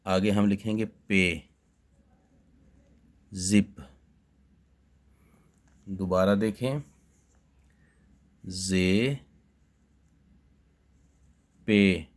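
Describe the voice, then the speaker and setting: Slow, deep-voiced male Urdu teacher. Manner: patient, spells letters one by one and repeats them. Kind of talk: slow spelling dictation lesson for children.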